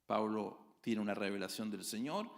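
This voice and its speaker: Man, pastor, sermon, lively swooping pitch, dramatic outbursts. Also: normal speed, vocal fry. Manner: dramatic preaching with sudden loud exclamations; acts out quoted voices of congregants.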